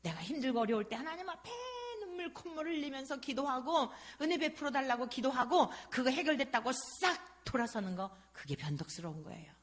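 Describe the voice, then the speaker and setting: A woman's voice: high-pitched, expressive, fairly quick, hardly any pauses. Impassioned woman pastor preaching. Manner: impassioned, rhetorical questions and repeated interjections. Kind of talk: sermon.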